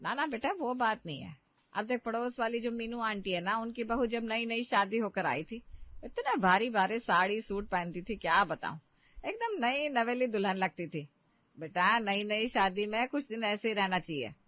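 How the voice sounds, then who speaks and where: A woman's voice: fairly high pitch, expressive, moderate pace, dry recording, natural voice. A bossy, old-fashioned mother-in-law who lectures in a firm voice, as a woman acts her out. It is a cartoon storybook part, recorded dry and slightly dull. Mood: lecturing. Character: traditional middle-aged mother-in-law, bossy and preachy.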